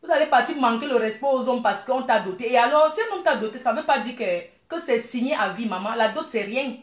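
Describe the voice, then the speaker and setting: A middle-aged woman from Cameroon, giving blunt, animated advice and calling her listeners dear. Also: fairly high pitch, fairly quick, roomy sound. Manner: blunt, animated, calls listeners "maman" and "ma chérie". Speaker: business owner. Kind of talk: frank advice monologue.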